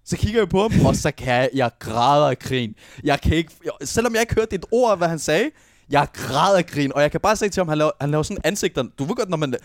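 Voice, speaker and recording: A man's voice: fairly high pitch, lively intonation, no echo, studio quality. Eager man cutting in. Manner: eager, keeps cutting in to add his side of the story. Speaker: podcast co-host. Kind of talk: casual chat.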